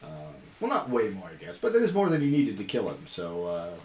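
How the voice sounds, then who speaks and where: A man's voice: mid-range voice, huge pitch swings, quick pace, darkish tone. A man acting as game master of a tabletop role-playing game, narrating off the cuff and often searching for words. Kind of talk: improvised game master narration in casual talk. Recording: clear background noise.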